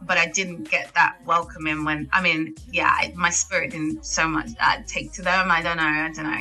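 This is a young singer from England, talking loosely in an interview with plenty of laughs, fillers and false starts. She speaks at an ordinary speed in a deep, bright, forceful voice with a level tone. Faint music plays behind her.

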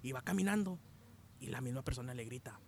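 A man telling jokes in casual chat, animated and shouting the punchlines. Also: mid-range voice, quick pace, gravelly. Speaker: joke teller.

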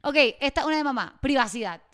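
A young woman with a Puerto Rican accent, telling lively stories as a co-host in casual chat. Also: high voice, quick pace. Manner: animated storyteller, laughs often. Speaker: podcast co-host.

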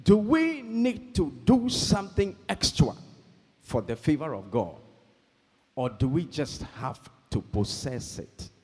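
A man preaching a sermon, slow and emphatic, calling for amens and rising to shouts. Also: a little high, big pitch swings, breathy edge. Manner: call-and-response, calls for amens. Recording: long hall reverb.

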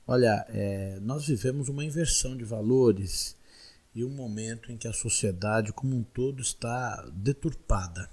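Being interviewed as a political candidate, a São Paulo-accented man in his 40s from Guarulhos, Brazil, answers emphatically and repetitively, like an orator. He speaks at a moderate pace in a medium-pitched, slightly mellow, slightly rough voice.

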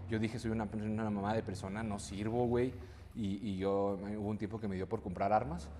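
A man's voice: fairly low pitch, steady tone, a little fast, warm tone. Mexican man, podcast guest, slangy and profane, medium voice, recorded with reverb and faint noise. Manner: slangy, swears freely, ends phrases with "güey". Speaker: guest, business owner. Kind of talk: casual podcast chat.

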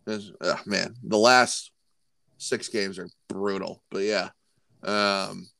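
A man's voice: low-pitched, steady tone, takes it slowly, vocal fry, pushed and bright, no room sound. A man co-hosting a sports podcast in casual chat, often restarting his sentences. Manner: repetitive, stumbling restarts. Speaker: podcast co-host.

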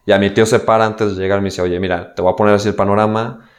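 Young mexican guy telling a story, kinda low voice, slangy, acts out the quotes. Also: flat delivery, racing. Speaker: guest. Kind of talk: casual personal storytelling.

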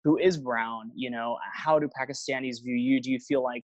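A young travel vlogger, appearing as an interview guest, chats casually and rambles through his stories with many fillers and restarts. He speaks at medium pitch and a moderate pace, with fairly even intonation. The recording is dry.

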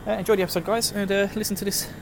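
His voice is high, level, gravelly, and rapid-fire. He's a gaming show host from Essex, England, speaking with an Estuary English accent and slightly slurred, lazy diction, rambling casually to listeners with lots of jokes and swearing in an informal way. The handheld phone recording is noisy, made outdoors on foot in an urban area with traffic.

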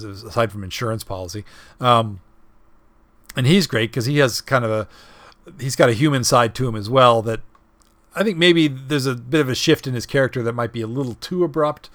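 A man co-hosting a casual film review podcast, talking in a halting way with many restarts and fillers and chuckling often. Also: medium pitch, fairly bright tone, no echo. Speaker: podcast co-host.

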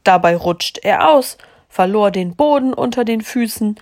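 Slow calm woman reading a storybook. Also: mid-range voice. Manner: calm, unhurried, gently expressive. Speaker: parent reading to a child.

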